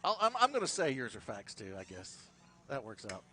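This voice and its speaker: A man's voice: medium pitch, brisk. Male baseball play-by-play caller, upbeat, chatty banter, faint outdoor hum behind. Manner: lively, rises sharply on big plays; chatty, laughs with his partner. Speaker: play-by-play announcer. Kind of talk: baseball commentary.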